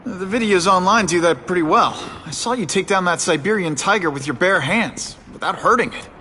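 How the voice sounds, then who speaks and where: An actor playing an earnest young photographer and secret superhero in a video game, boyish, tentative and conversational. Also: male voice, sits high, fairly quick, sharp tone, a little hiss or hum. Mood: polite, wary.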